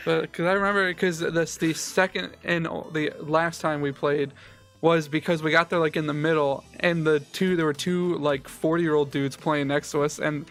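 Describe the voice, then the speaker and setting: A man with a gravelly, creaky voice pitched a little high, chiming in during casual chat with friends. Faint music plays behind him. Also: fairly even intonation, normal speed, fairly bright tone. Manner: chiming in, finishing others' points. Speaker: board game stream co-host.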